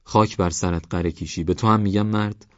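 A man's voice: low voice, steady tone, no room sound, muffled recording, natural voice. A man voicing a grumpy middle-aged village man who scolds impatiently. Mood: scolding.

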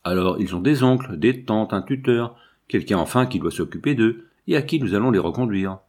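A man's voice: lowish voice, expressive, brisk, darkish tone. A man reading aloud and voicing a grave, officious country gendarme who questions children. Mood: stern. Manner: grave, interrogating.

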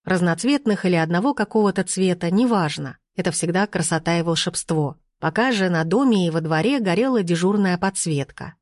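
A woman reading an audiobook aloud with calm, even storytelling. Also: on the low side, fairly quick, hardly any pauses, dry recording, clean studio sound. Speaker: narrator.

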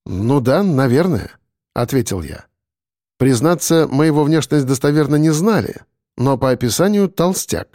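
A man narrating a first-person audiobook in an expressive storytelling voice. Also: a little high, moderate pace, dry recording, clean studio sound.

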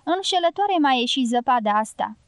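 A woman reading the part of a strong-willed older woman in an audiobook, gruff and curt in manner, in a dry studio sound. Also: high voice, lively intonation, no echo. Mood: gruff, brooding.

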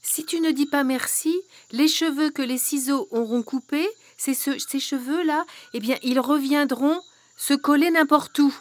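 A woman doing a brave little girl, earnest, polite, high voice. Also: a little slow, dry recording. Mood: firm. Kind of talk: storybook reading.

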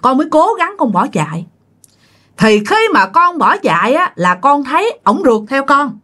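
Animated woman telling a ghost story. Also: high voice, moderate pace. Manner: animated, frequent exclamations and direct asides to listeners.

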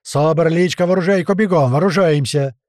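Bossy male security chief, loud barked orders, dark dry voice, read by a man. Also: a little high, normal speed, no room sound, voice pushed up, natural voice. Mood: commanding. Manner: barking commands.

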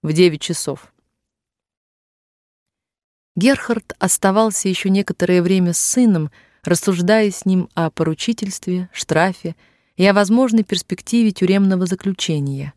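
A man's voice: sits high, moderate pace, darkish tone, dry recording, clean studio sound. Male reader narrating a classic novel. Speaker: audiobook narrator. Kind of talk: scripted literary narration.

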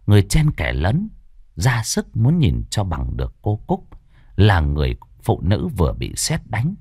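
A man's voice: low voice, huge pitch swings, unhurried, mellow, breathy edge, dry recording, clean studio sound. A man narrating a ghost story in a suspenseful, vivid cadence.

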